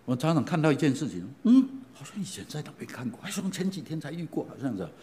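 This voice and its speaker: A middle-aged man preaching a sermon, retelling stories in an animated way and often asking his listeners questions. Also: fairly high pitch, fast talker. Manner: animated, asks the congregation questions, frequent fillers. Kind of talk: sermon storytelling.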